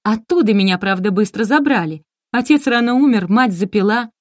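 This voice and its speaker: A bitter young woman speaks up in a high, forceful voice, put on by a female narrator. She sounds indignant and pleading, recorded close and dry. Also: animated, brisk, no echo, natural voice. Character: bitter young woman, orphanage-raised daughter. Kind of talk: audiobook character reading.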